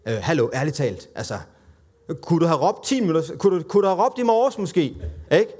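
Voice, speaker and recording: A man's voice: fairly high pitch, animated, darkish tone. A man voicing a group of impatient male disciples who scold in an exasperated, sarcastic way during a sermon.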